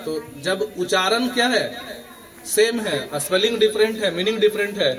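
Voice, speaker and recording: A male teacher's voice sits high, fairly bright in tone, moving at a moderate pace over soft background music. Leading the morning assembly lesson, he quizzes students for chorus answers while the children's crowd is heard behind.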